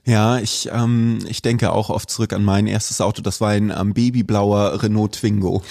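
A man's voice: fairly low pitch, steady tone, normal speed, creaky, darkish tone, dry recording, clean studio sound. A man hosting a podcast in a casual, informal conversational way. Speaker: podcast host.

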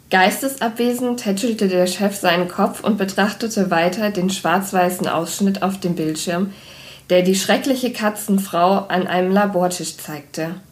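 A woman reading a children's book aloud in an expressive way. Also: mid-range voice. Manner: expressive, does character voices. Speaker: reader.

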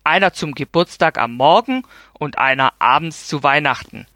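A woman reading a story and voicing a grumpy older man who speaks slowly and gruffly. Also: deep voice, animated, a bit bright, dry recording, clean studio sound. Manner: slow, gruff muttering.

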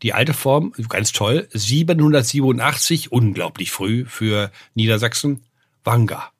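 A man's voice: mid-range voice, measured pace, husky, no echo, studio quality. An older man, a name researcher and professor, explaining word origins in a podcast, with many "ne?" tags and filler sounds. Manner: lecturing, often adds "ne?" and "äh", lively rises.

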